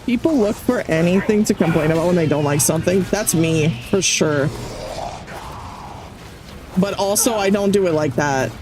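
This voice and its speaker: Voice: medium pitch, moderate pace, long pauses. Chatty streamer over background hiss. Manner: chatty, incredulous, laughs often. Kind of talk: casual chat while gaming. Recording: steady background noise.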